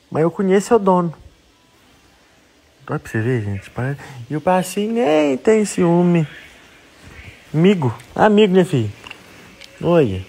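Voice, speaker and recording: Lively high-voiced man. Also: slightly rough. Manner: lively, teasing and laughing with animals. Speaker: vlogger. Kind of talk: casual vlog chat.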